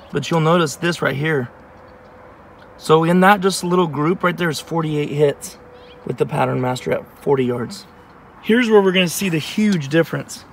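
A man's voice: a little high, slight background noise. Man explaining shotgun results outdoors. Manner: plain, matter-of-fact explaining. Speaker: channel host. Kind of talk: casual outdoor gear review. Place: outdoor shooting range. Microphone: camera mic at a distance.

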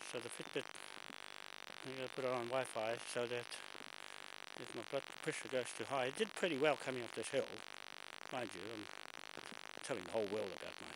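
An older man, out of breath and chatting as he films a walk down a bush stairway, often clearing his throat. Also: mid-range voice. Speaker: vlogger filming a walk. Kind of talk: casual walking commentary. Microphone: handheld camera mic. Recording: loud hissy camcorder audio.

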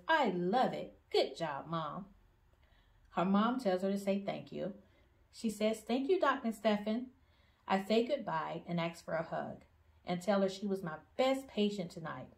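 A woman doctor recounting a moment from her emergency room shift in calm storytime narration. Her voice sits low and gravelly, with a fry at the ends of phrases. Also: moderate pace.

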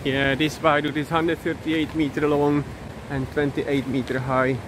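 A non-native English speaker in his 30s hosts a casual walking vlog outdoors by a river in the countryside, his slightly high voice level in tone. He's hesitant, with many fillers and halting pronunciation, and the phone held at arm's length picks up wind and stream noise behind him.

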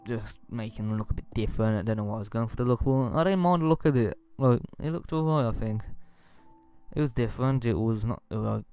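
A man narrating his building game in a loose, rambling way, often stopping to apologize. His voice sounds congested from a blocked nose and sore throat. He sits at a middling pitch and talks casually from home. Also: fairly quick, warm tone, smooth, soft background music. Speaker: gaming YouTuber. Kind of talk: casual gameplay commentary. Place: home room.

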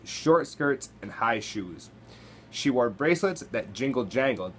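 A man, a coach, reading a children's chapter book aloud to students with expressive storytelling. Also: mid-range voice, slight background noise.

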